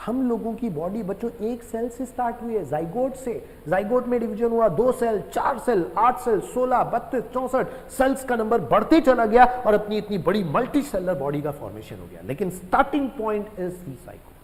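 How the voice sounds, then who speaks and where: A male teacher giving a classroom lecture, often addressing the class as children and repeating key phrases slowly for students to write down. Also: high-pitched, expressive, big-room sound, low-quality recording. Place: room with a writing board.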